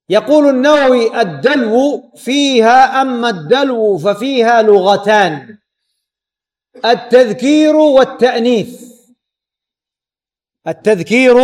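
A man giving an Islamic lesson explaining a hadith, repeating key words and pausing to quiz his students. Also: sits high. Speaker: hadith teacher.

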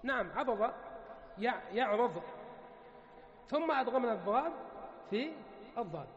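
A man with a strikingly high voice teaches grammar one-on-one, stopping again and again to quiz his student and stretching each word form out slowly. The sound is muffled and echoes through a room with a long, lingering tail. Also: expressive. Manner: patient, quizzing with repeated questions, spelling out word forms slowly.

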